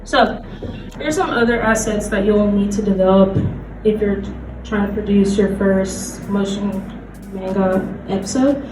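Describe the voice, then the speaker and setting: Speaking as a convention panelist, a woman talks informally in a hesitant, conversational way, saying "like" a lot. Her mid-range voice keeps a fairly even intonation at a measured pace. The background is noisy, with music in an echoey panel room and a distant microphone.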